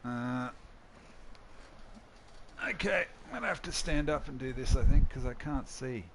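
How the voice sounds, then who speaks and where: A man's voice: medium pitch, measured pace, fairly bright tone, a little hiss or hum. A man hosting casual gameplay commentary, musing and thinking aloud as he plays. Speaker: host.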